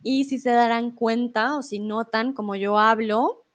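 Speaking a little slowly in a high-leaning, steady voice, a Colombian woman with a Colombian accent hosts a live Spanish lesson online. She's chatty with her viewers, illustrates points with examples, and often asks "¿vale?".

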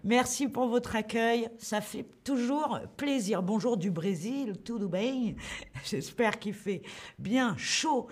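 A woman hosting a livestream lesson for French learners, speaking slowly and clearly and greeting viewers by name. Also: on the high side, lively intonation. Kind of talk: live online language lesson.

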